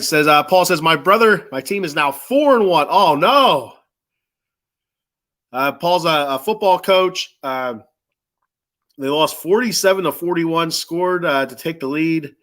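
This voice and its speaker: A middle-aged man with a cold and a stuffed-up nose greets commenters on his casual sports fan livestream, chatting in an informal, rambling way. His voice is a little high, bright and forceful.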